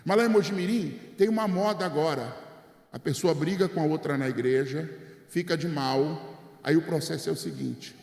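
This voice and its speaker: Lively preacher man in an echoey hall. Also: on the high side, moderate pace, gravelly. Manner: animated storytelling, mimics church members in quoted asides. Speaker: guest pastor preaching. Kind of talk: humorous sermon with acted anecdotes. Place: church sanctuary. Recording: echoey church hall, long reverb.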